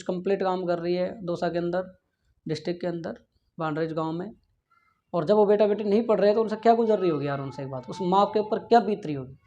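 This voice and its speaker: A man's voice: sits high, dark tone. A male physics teacher. He gives a classroom lecture and an earnest, pleading talk to his students, often asking if they follow and saying "yaar". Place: classroom with a board. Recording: dull lo-fi classroom recording.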